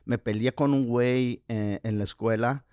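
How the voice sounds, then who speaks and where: An older man, a comedian co-hosting a casual podcast chat, full of crude slang and halting restarts. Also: medium pitch, steady tone, darkish tone, smooth, no room sound, studio quality. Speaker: comedian co-host.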